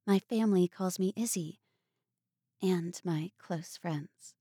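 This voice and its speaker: A woman's voice: on the low side, slow, warm tone, breathy edge, no room sound, studio quality, pitched above the performer's own voice. A woman voicing a proud, earnest young woman who speaks wistfully.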